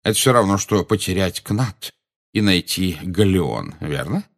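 A man voicing a calm, genial old wizard who speaks slowly and with quiet amusement. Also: low voice, exaggerated voice. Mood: calm amused. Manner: slow, unhurried, gently amused.

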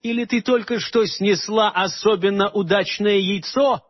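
A man reading aloud, voicing a seductive, scheming fairy queen with a husky, dull-sounding voice. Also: high-pitched, fairly even intonation, measured pace, pitched above the performer's own voice. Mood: scornful. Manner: sultry, soft, then icy and mocking.

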